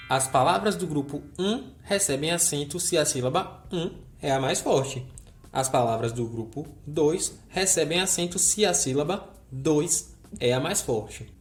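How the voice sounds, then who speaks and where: A man teaching a recorded grammar lesson. He explains step by step in a friendly way and checks in with the viewer often. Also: fairly high pitch.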